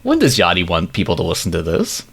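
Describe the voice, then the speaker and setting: A man's voice: low voice, huge pitch swings, fast talker, gravelly, a bit bright, slightly rough. A man in his thirties co-hosting a music podcast, playful and laughing through his sentences. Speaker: podcast co-host. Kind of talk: casual chat.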